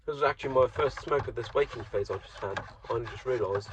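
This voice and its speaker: A man's voice: medium pitch, fast talker, noisy background. A man from Germany talking to himself in a rambling, wry, self-mocking solo monologue. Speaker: solo vlogger. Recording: dull, dry close recording.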